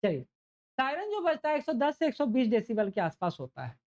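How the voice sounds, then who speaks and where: A man's voice: very high-pitched, wildly swooping pitch, fairly quick. A man teaching an exam-prep lecture, repeating key points and checking understanding with rhetorical questions. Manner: gets louder and softer to demonstrate sound.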